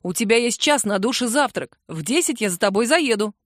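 A woman's voice: a little high, lively intonation, a little fast, fairly bright tone, dry recording, studio quality. Woman voicing a cheeky teasing young man. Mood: smug. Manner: teasing, cheerfully pushy.

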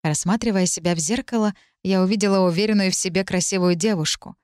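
Calm woman reading a novel aloud. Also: medium pitch, fast, no room sound, studio quality. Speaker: audiobook narrator. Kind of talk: first-person novel narration.

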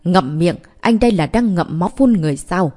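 A woman voicing a pompous male hospital director who scolds loudly and defends himself. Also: on the low side, expressive, moderate pace. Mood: defensive. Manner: loud, blustering scolding.

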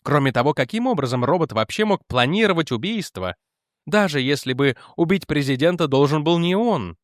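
A man's voice: fairly high pitch, lively intonation, brisk, dry recording, clean studio sound, close to an everyday voice. A man reading aloud as a skeptical male official who defends the president and argues back. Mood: arguing.

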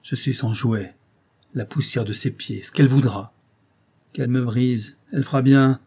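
A man's voice: mid-range voice, steady tone, moderate pace, mellow, breathy edge. A man voicing a young Afghan lover in a despairing, feverish inner monologue from a storybook. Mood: anguished. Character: young Afghan lover, anguished and self-abasing.

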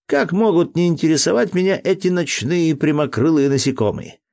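A man doing a high, shrill voice for a fussy learned entomologist, all prim indignation and pedantry. It swings up and down wildly and lectures like a storybook professor. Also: expressive, fairly quick, a little mellow. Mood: fussy, lecturing. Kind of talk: audiobook character voice.

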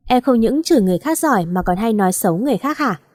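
A woman's voice: a little high, lively intonation, racing, darkish tone. A woman voicing a young male teacher who needles and teases his student, with a cocky manner in an audio story. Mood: teasing.

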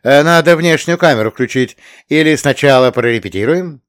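A man voicing an excitable male planetologist on a Mars landing in an audiobook story, exclaiming hurriedly. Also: fairly high pitch, normal speed, smooth, no echo, studio quality, pitched above the performer's own voice, lightly acted. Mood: alarmed.

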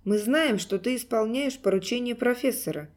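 A woman's voice: on the high side, moderate pace, close to an everyday voice. A woman reading an audiobook, voicing a stern, threatening man who speaks curtly. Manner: curt, threatening. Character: stern menacing adult man.

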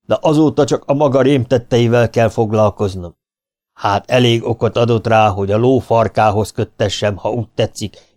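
A man voicing a stern medieval warlord with a deep, hollow, booming voice and a commanding, blustering manner. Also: warm tone, natural voice.

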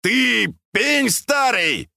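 A brash young fellow, as a man reads him, barks his words with gruff force. The sound is close and dry, with lively pitch swings. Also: takes it slowly, no room sound, exaggerated voice. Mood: angry shouting. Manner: gruff, barking.

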